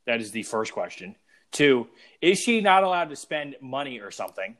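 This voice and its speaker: A young man co-hosting a casual podcast, telling things in an animated way, laughing and sometimes losing his train of thought. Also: mid-range voice, moderate pace. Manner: animated storyteller, laughs and trails off mid-thought. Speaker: podcast co-host.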